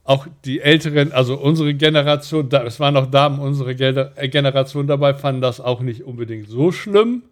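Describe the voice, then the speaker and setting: A man's voice: medium pitch, brisk, hardly any pauses. A middle-aged man co-hosting a casual podcast, easygoing, moving the talk on to the next topic. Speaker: podcast co-host. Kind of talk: casual chat.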